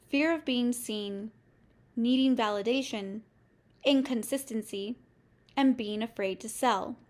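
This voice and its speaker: A woman coach delivering a scripted motivational lesson in a measured, steady way, with short listed phrases. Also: on the high side. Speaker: business coach. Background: faint music.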